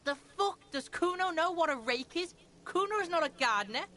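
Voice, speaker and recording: A squeaky mouthy kid, bright and brash. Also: male voice, animated, moderate pace, heavily acted. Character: foul-mouthed cocky young boy, brash.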